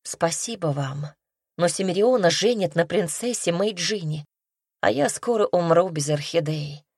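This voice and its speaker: A woman's voice: lowish voice, expressive, unhurried, darkish tone, slightly rough, no echo, studio quality, full character voice. A woman voicing a sulky, lovesick young heroine in an audiobook.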